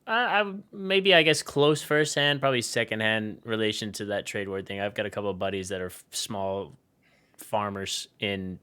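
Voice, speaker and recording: A man in his mid-twenties co-hosts a relaxed podcast interview. His voice is fairly low but bright and smooth, and his chat is easygoing and conversational. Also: moderate pace. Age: 20s. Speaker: co-host.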